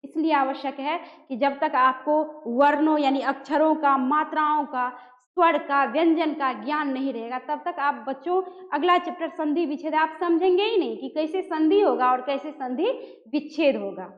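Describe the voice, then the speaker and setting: A woman's voice: sits high, normal speed. A woman teacher giving a grammar lesson to students, often asking a question and then answering it herself. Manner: addresses students as children, asks and answers own questions. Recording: echoey dull room recording.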